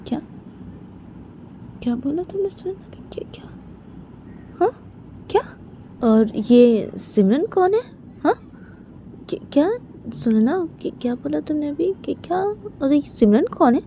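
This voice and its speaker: A woman's voice: sits high, animated, measured pace, pauses often, mellow, slight background noise, pitched above the performer's own voice. A woman voicing a wealthy, doting middle-aged father who keeps asking "what is it?" in an amateur spoken story. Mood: shocked. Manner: repeats "kya hai" and "haan" after every phrase.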